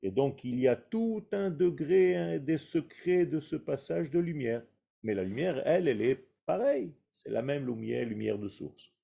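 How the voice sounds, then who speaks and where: A man's voice: a little high, expressive, moderate pace, creaky, mellow, breathy edge. A man giving a spoken Kabbalah lesson, explaining patiently with rhetorical questions and Hebrew terms mixed in. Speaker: Kabbalah teacher.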